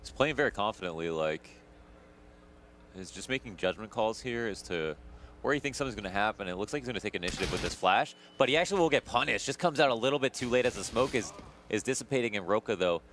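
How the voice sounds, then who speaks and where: A man's voice: lowish voice, expressive, quick pace, a bit bright, slight background noise. A man giving conversational, analytical commentary on a live video game match as the analyst of the broadcast.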